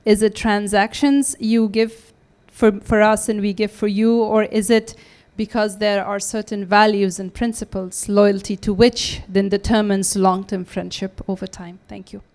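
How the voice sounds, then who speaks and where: A woman's voice: medium pitch, level tone, measured pace, darkish tone. A woman from Afghanistan, in the audience, asking the panel a question politely and hesitantly.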